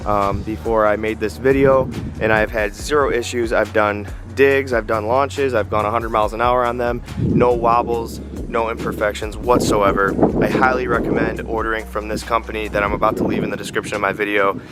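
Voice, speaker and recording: Twenties male host, lowish voice, slightly breathless outdoors in winter cold, easygoing chatty delivery. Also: brisk, over loud music. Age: 20s. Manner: relaxed, filler-heavy, enthusiastic. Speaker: car channel host. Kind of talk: casual outdoor vlog. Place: outdoors in snow beside a truck.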